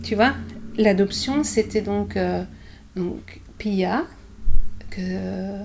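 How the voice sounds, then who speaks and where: Lady, middle-aged, lively podcast guest who mocks herself. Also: medium pitch, extremely slow, vocal fry, slight background noise. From Belgium. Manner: animated storyteller, vivid and self-mocking. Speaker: guest author. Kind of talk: candid podcast conversation.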